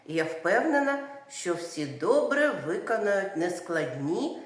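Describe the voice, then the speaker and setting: A woman's voice: mid-range voice, very animated, slow pace, reverberant. A woman teacher opening a children's lesson with encouraging words. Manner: warm, encouraging address to children.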